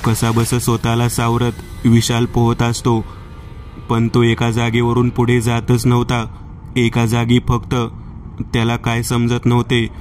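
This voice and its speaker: Monotone male horror storyteller. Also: mid-range voice, a little slow, slight background noise.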